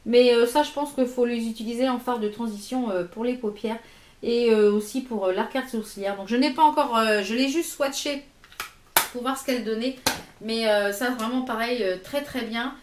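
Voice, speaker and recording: A woman's voice: a little high, moderate pace, a little mellow, roomy sound. A woman vlogger showing makeup products to camera in a casual haul video, talking with many hesitations and fillers. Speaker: beauty vlogger.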